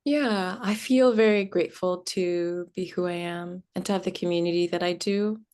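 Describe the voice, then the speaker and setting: A woman's voice: on the low side, fairly even intonation, moderate pace, a little mellow. A young woman screenwriter who answers in a thoughtful, reflective way. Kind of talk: interview answers.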